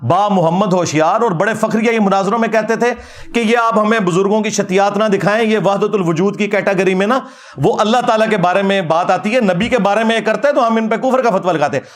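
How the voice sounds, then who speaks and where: A man giving an animated, mocking religious rebuttal lecture as a preacher. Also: high-pitched, quick pace. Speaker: Islamic preacher.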